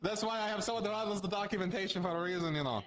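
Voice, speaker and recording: A man speaking in improvised role-play as a group's leader, haltingly, often stumbling over his words. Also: high-pitched, a bit bright. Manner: halting, stumbles through reading aloud. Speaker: group leader addressing a room in a live roleplay.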